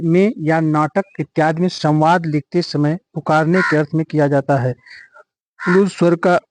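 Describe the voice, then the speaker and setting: A man's voice: fairly high pitch, slight background noise. A man teaching an exam-prep grammar lesson, often repeating each question and answer and drawing out words for emphasis.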